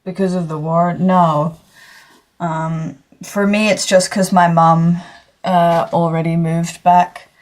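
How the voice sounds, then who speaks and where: This is a low, darkish, flat voice belonging to an Australian teenager, a native English speaker hosting a drawing livestream. She speaks slowly and chats loosely, rambling and often stopping to fix what she said amid plenty of fillers.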